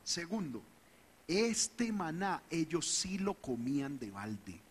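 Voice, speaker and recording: Male pastor, fervent sermon delivery, slightly high voice, long church reverb. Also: very animated, takes it slowly, husky. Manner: preaching with rising fervor, acting out the people's whining.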